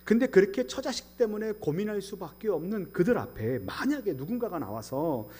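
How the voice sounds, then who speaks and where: Animated Korean pastor preaching with fervor. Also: male voice, sits high, brisk, breathy edge. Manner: impassioned preaching, rising to loud emphatic quotes and dropping to soft asides; rhetorical questions to the congregation. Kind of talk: sermon.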